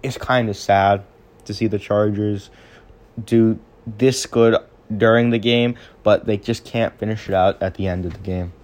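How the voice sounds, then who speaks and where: A young man with a fairly low voice hosts a casual sports podcast. He talks off the cuff and often stumbles and restarts his sentences while he recaps the games. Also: a little mellow. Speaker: podcast host.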